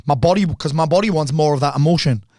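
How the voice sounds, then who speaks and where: A middle-aged man talks quickly and with energy, rattling off stories with casual swearing. He is close to the mic in a dead, dry room. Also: on the high side, no room sound. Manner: animated storyteller, swears freely. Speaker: podcast guest. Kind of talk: casual conversation.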